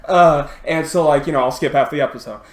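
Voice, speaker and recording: A man's voice: mid-range voice, fast talker. A man on a podcast, casually retelling a TV scene with lots of swearing and acted-out lines. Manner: animated storyteller, swears a lot, acts out scenes. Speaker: podcast co-host. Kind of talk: casual chat. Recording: roomy echo.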